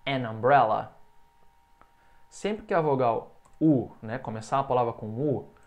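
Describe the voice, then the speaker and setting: A man's voice: medium pitch, lo-fi sound. Male English teacher drilling words to repeat. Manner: explains in Portuguese, then says English words slowly for the learner to repeat; checks in often with quick casual asides. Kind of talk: recorded online language lesson.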